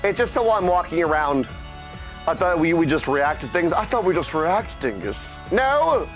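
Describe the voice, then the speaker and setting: This man's voice sits on the high side, swings widely in pitch and sounds a bit bright, moving at normal speed over soft background music. Chatting casually as a game streamer, he's goofy, theatrical and playful, coining silly words and repeatedly addressing "my dudes" and "my friends." He's indoors at a desk streaming setup with a streamer mic and headset.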